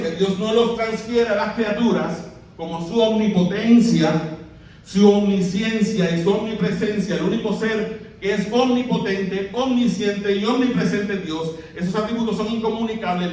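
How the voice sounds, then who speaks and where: A Puerto Rican pastor with a high, slightly mellow voice delivers a sermon at normal speed, asking his congregation questions and having them read aloud along with him. He's heard from some distance in a church hall with strong echo.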